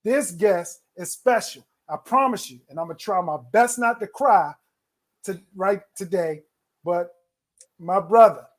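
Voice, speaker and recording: High-voiced man hosting a telethon. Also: a little slow. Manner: encouraging, repeats phrases for emphasis. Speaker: telethon host. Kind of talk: virtual telethon interview. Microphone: video call.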